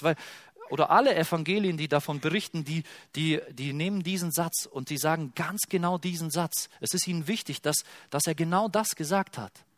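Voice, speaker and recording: A man delivers a sermon with a slightly high voice. He drops to a near whisper on quoted pleas and rises loud for emphasis. The sound is dry and close. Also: dry recording. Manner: expressive, swings from hushed to loud when quoting. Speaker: preacher.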